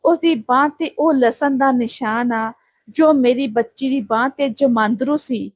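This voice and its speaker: A woman's voice: sits high, unhurried, no room sound. A woman voicing a distressed Sikh village father who begs and pleads through tears. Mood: pleading. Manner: begging, tearful appeals.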